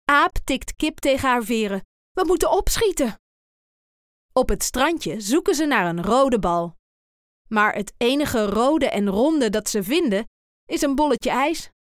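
A woman reading a children's picture book aloud in an expressive, deliberate way. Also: a little high, no echo, clean studio sound. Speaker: storyteller.

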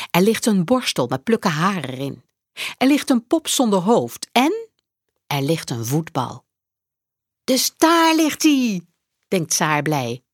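A woman reading a children's storybook aloud at an unhurried pace. Her voice rises and falls very expressively, and the recording is close and dry with no echo. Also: deep voice, slightly rough. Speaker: narrator.

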